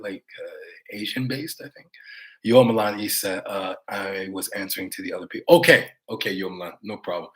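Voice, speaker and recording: A man's voice: lowish voice, a bit bright, rough recording. Rambling American man on a livestream. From United States. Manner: rambling, talks straight to viewers, many fillers. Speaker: vlogger reading live chat. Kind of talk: casual livestream chat.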